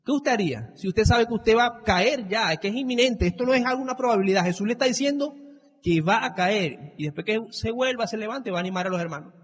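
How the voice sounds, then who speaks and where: Animated preacher, high voice, echoing church, dramatic quotes. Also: male voice, quick pace. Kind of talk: sermon.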